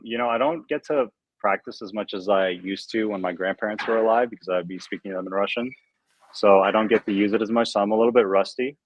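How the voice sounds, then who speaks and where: A man's voice: deep voice, no echo. A young American man, a guest DJ and producer, chatting casually and rambling on a livestream video call. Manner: relaxed, rambling, filler-heavy. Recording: dull, dry lo-fi sound.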